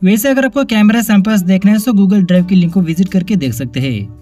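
A man's voice: high voice, a little fast, dark tone, faint music behind. A man giving a chatty product review voice-over, mixing English words into Hindi and calling the viewers friends. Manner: keeps addressing viewers as friends. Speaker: tech reviewer.

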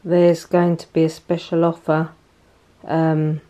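An older woman who makes lifestyle vlogs gives a slow, chatty tour of her small tiled bathroom, drifting into asides full of fillers and restarts. Her deep, warm, monotone voice echoes off the hard tiles as she holds the phone camera herself.

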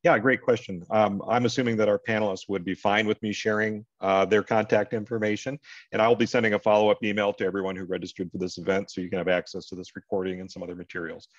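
Speaking quickly in a level, lowish tone, this middle-aged American man runs an online advising session and talks casually and plainly to viewers. He's indoors on a video call, and the call microphone produces flat, lo-fi sound with no room noise.

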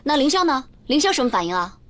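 An actress in a TV drama playing a brash, sharp-tongued woman lecturing her crying friend. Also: high-pitched, very animated, quick pace. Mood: bossy. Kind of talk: TV drama acting.

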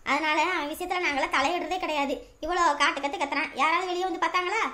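A woman playing a sharp-tongued gossiping village woman in a comedy drama, scolding and chatty. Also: very high-pitched, fairly even intonation, fast.

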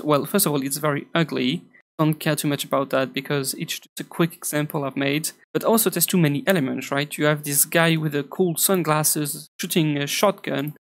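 A hoarse man talks through a screen-recorded tutorial in a loose, chatty way, restarting sentences as he goes. His voice sits a little high for a man and carries a gravelly fry. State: hoarse from a long recording session. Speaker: pixel art tutorial creator.

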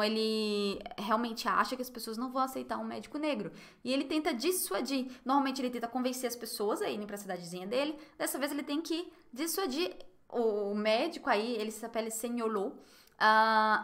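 Bright-voiced Brazilian woman teaching French. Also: fairly high pitch. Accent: Brazilian Portuguese. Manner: explains French phrases in Portuguese, models pronunciation slowly. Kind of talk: live online language lesson.

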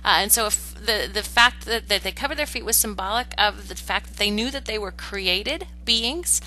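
A woman teaching a Bible study lesson in an earnest, explanatory way, often pausing with "uh" and restarting her sentences. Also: medium pitch, bright, forceful tone, soft background music, low-quality recording.

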